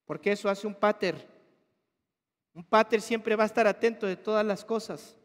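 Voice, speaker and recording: Man, pastor, animated preaching, very high voice, long church-hall reverb. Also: moderate pace. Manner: animated preaching with rhetorical questions to the congregation. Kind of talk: sermon.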